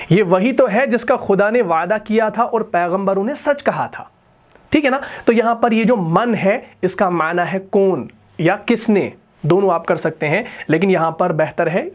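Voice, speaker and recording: A man teaching Quranic Arabic grammar in a recorded lesson, who explains step by step and often checks that his students follow. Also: high-pitched. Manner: intones Quranic verses in a slow chant.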